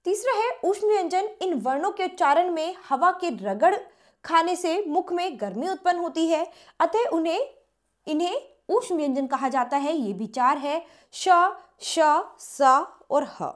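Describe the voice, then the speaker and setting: A woman teacher giving a grammar lesson, reading definitions and then explaining them informally, slowing down to spell out letters and examples. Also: very high voice, expressive.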